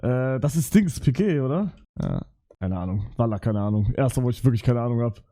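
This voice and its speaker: Streaming live, a young man chats casually in heavy street slang, swearing, rambling and flustered, and keeps repeating "Digga" and "Bruder." His medium-pitched voice is expressive, brisk and mellow.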